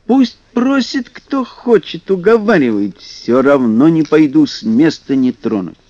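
A man's voice: on the high side, very animated, unhurried, a little mellow, no echo. Storybook house spirit, small and sorry for himself, voiced by a male reader, whining and groaning, dull lo-fi audio. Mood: stubborn grumbling.

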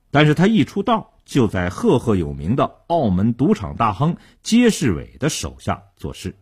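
Husky, animated male storyteller. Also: lowish voice. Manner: dramatic, animated narration. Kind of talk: radio storytelling.

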